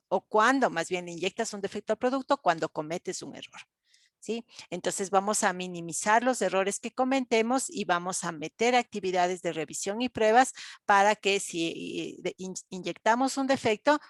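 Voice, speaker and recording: A woman's voice: medium pitch, dry recording. A woman, lecturing an online class, explaining step by step with frequent fillers and check-ins to students. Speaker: university lecturer.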